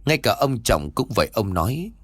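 A man's voice: fairly low pitch, normal speed, dry recording, clean studio sound. A man narrating a scripted horror story and voicing its characters himself. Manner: lively, voices the characters' dialogue himself.

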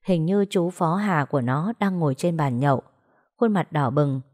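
Lady reading a story out, slightly low voice, calm even pace. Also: normal speed. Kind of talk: scripted story narration.

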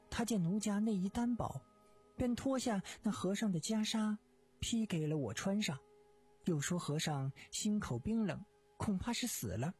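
A woman's voice: mid-range voice, darkish tone, breathy edge, exaggerated voice. A woman voicing a young wronged wife who earnestly recounts her ordeal in radio storytelling. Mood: pleading. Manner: earnest, pleading first-person telling. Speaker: storyteller voice of a female character.

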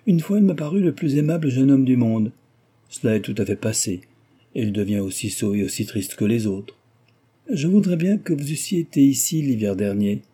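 A man's voice: medium pitch, moderate pace, mellow, husky, natural voice. A man reading aloud, voicing a frivolous, gossiping young aristocratic lady who talks flippantly and teases. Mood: lively, teasing. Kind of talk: audiobook character reading.

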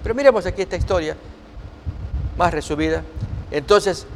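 High-voiced preacher in a reverberant hall. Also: male voice, moderate pace, a little hiss or hum. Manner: reads scripture aloud and asks the listeners rhetorical questions. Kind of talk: sermon-style Bible teaching.

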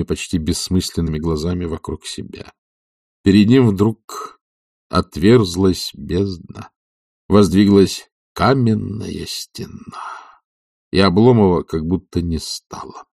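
A man narrating a literary audiobook in a measured, sombre way. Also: low voice, vocal fry, mellow, no room sound, clean studio sound.

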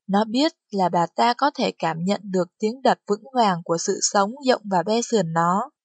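A woman narrating an audiobook with steady storytelling delivery. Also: medium pitch, normal speed, slightly rough, no room sound. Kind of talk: scripted narration.

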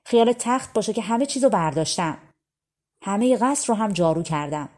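A woman's voice: mid-range voice, lively intonation, a little mellow, natural voice. A woman voicing an anxious young bride in a fairy tale, speaking in a raised, pleading voice. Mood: eager.

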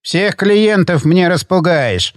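A man's voice: high-pitched, lively intonation, slow, dry recording, studio quality. A man reading an audiobook, voicing a domineering older hotel owner who barks and bullies. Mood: furious. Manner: barking, bullying, shouting.

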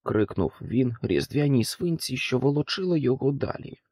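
Expressive male storybook narrator. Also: medium pitch, normal speed, dry recording, clean studio sound. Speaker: audiobook narrator. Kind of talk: scripted narration.

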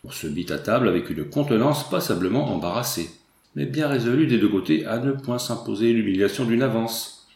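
Un narrateur masculin de livre audio, au débit posé et à la diction soignée. La prise de son a un écho de pièce bien audible. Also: male voice, mid-range voice, lively intonation, fairly quick, creaky, a little mellow. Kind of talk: scripted narration. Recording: roomy echo.

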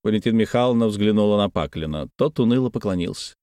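A man reading a classic novel aloud as an audiobook narrator, in an expressive, measured way. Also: on the low side, clear, resonant tone, no echo.

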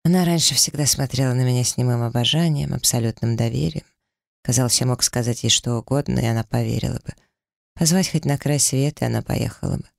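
A man's voice: mid-range voice, fast, creaky, no room sound, studio quality. A man giving intense, brooding first-person audiobook narration.

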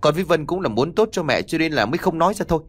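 A man voicing a young husband in an audio story, calm and reassuring. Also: on the high side, rapid-fire, dry recording, pitched above the performer's own voice. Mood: urgent. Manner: gentle, reassuring.

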